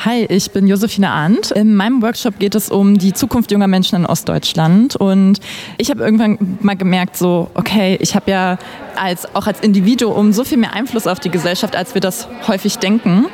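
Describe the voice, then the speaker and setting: A woman's voice: mid-range voice, normal speed, darkish tone. A woman from East Germany, workshop leader, talks reflectively about her work. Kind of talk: interview statement.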